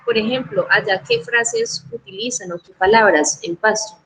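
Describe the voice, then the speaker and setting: A woman's voice: fairly high pitch, wildly swooping pitch, normal speed, gravelly, poor audio. A Colombian woman teaching an online class, chatty, often checking in with her students and acting out regional sayings.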